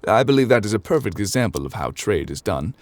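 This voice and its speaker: In an ASMR audio roleplay, a man plays a calm, scholarly, absent-minded ancient god, lecturing in a formal, measured, old-fashioned manner. His fairly low voice is close to the microphone in a dry recording, sometimes sinking to near whispers.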